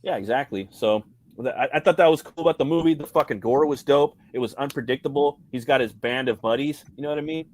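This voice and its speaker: Fast-talking man raving about movies. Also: medium pitch, a little mellow. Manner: rambling, heavy swearing, slangy. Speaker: podcast co-host. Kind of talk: casual movie chat.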